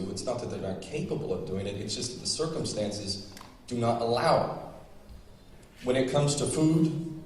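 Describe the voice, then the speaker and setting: A man's voice: mid-range voice, dark tone, slight background noise. Earnest man speaking in a very echoey hall. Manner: earnest, emphatic. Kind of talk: public speech. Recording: very echoey hall, distant mic.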